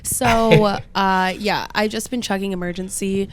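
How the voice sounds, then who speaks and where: Young woman co-host with a stuffy, nasal cold voice, mid-pitched, chatty and gushing. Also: fairly even intonation, unhurried, slight background noise. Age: 20s. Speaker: podcast co-host. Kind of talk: casual chat.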